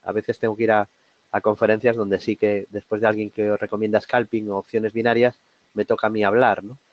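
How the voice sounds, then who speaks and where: A man from Spain with a sore throat presents a trading seminar in a halting, conversational way. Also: lowish voice, level tone, no room sound, highs cut off. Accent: Spain Spanish. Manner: hesitant, many fillers and restarts, conversational. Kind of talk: live market analysis webinar.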